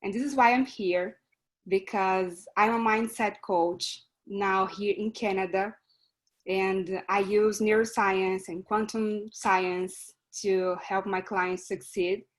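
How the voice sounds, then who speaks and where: This club member from Brazil offers an earnest, somewhat hesitant self-introduction during an online meeting on a video call. Her mid-range voice carries a Brazilian Portuguese accent, and she talks slowly with a steady tone.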